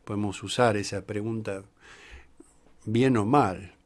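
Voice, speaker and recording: Slow, deliberate priest teaching. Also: male voice, lowish voice, steady tone. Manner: slow and deliberate, pausing often, reading quoted verses aloud. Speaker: priest teaching a Bible class. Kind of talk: slow reflective Bible lesson.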